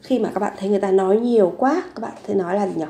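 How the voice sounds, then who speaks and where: A woman teacher walks through short phrases one by one, saying each three times before explaining it. Her pitch sits in a middle range, and she keeps a patient, steady lesson rhythm, with frequent rhetorical questions. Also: very fast. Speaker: Korean language teacher. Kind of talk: language lesson narration.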